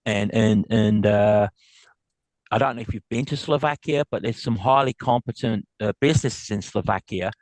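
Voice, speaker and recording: A man with a South African accent, born in South Africa, giving an upbeat business talk and answering questions quickly, with frequent restarts. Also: on the low side, darkish tone, no room sound, poor audio. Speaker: guest speaker. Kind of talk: business lecture and Q&A.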